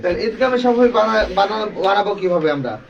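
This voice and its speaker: A man teaching Quran recitation rules to a class, drawing out sounds slowly to show pronunciation and quizzing his students. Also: sits high, animated, gravelly. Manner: slow, drawn-out demonstrations, quizzing students. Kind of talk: classroom tajweed lesson. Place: classroom with a group of learners. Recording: dull, distant classroom recording with many people.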